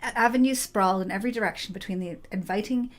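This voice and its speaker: A woman reading a text adventure game aloud in an expressive storytelling way. Her voice is moderately pitched and measured.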